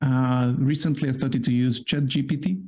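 A man with a Polish accent, not a native English speaker, co-hosts a casual work podcast in a mellow, mid-range voice. He talks at normal speed with fairly even intonation, explaining at length in a rambling way thick with fillers.

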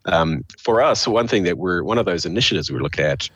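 Male, very low froggy croak, hoarse with a cold, crisp dry recording, explanatory interview talk. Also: expressive, fairly quick, fairly bright tone, no room sound, dull audio. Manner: explains step by step, posing questions to himself. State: hoarse with a cold, clearing throat. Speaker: interview guest, official of a state energy authority.

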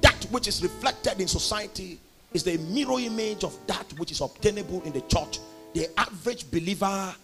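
A young Nigerian man with a Nigerian accent preaching a sermon, emphatic, with loud bursts on key words. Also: high voice, moderate pace, soft background music. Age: young adult.

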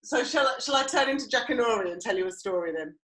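A woman's voice: a little high, lively intonation, fast, fairly bright tone. A middle-aged woman with an Essex accent, co-hosting a podcast and telling personal stories in a conversational way. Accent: Essex English. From Romford, Essex, England. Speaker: podcast co-host. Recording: roomy, echoey sound.

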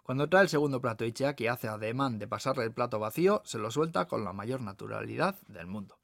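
A man with a Peninsular Spanish accent reads his own memoir in a storytelling way, mid-pitched, adding wry asides. The recording is dry and close. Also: lively intonation, fairly quick, gravelly, dry recording. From Basque Country, Spain. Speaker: author reading his own book. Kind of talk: audiobook narration of a memoir.

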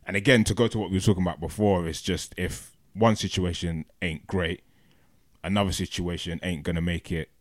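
A London-accented man hosts a podcast in casual conversation. His voice sits very low, and the sound is dry, with no room in it. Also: steady tone, brisk, no room sound. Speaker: podcast host. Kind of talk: casual chat.

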